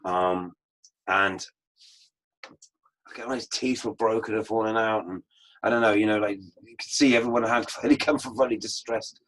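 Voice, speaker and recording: Lowish-voiced man telling course stories. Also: steady tone, fairly bright tone, rough recording. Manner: unhurried, anecdotal storytelling. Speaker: permaculture teacher. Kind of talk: online course lecture over slides.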